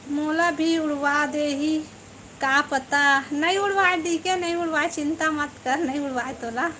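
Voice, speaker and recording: A woman's voice: sits high, measured pace, fairly bright tone, a little hiss or hum. A woman with a Chhattisgarhi accent hosting a casual live stream, teasing and bantering with viewers by name.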